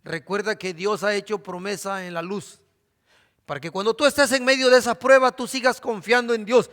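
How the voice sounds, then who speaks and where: Male pastor, high bright voice, preaching in a church, long hall reverb. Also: fairly even intonation, normal speed. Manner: preaching, asks the congregation questions. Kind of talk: sermon.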